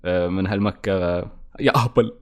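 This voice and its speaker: A man's voice: low voice, fast. A young man with an Emirati Gulf Arabic accent, hosting a casual podcast chat, joking and teasing and laughing often. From UAE, Al Ain. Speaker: podcast host.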